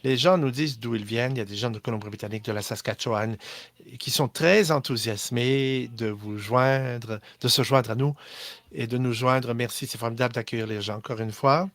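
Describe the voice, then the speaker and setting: A man's voice: mid-range voice, moderate pace, a bit bright, no echo. A man hosting a live online class, upbeat and welcoming, with hesitant restarts. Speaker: host.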